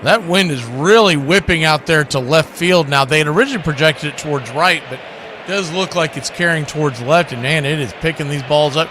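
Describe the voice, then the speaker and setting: In a sharp-toned, slightly high voice and at a fairly quick clip, a man handles live radio baseball play-by-play with folksy, colorful expressions. Behind him, clear outdoor ambient sound is audible.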